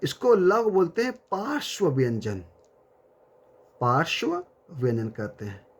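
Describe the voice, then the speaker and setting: A male teacher with a slightly husky, higher voice gives a grammar lecture. His pitch rises and falls with lively emphasis. He repeats each key term slowly and speaks to his students with warm address.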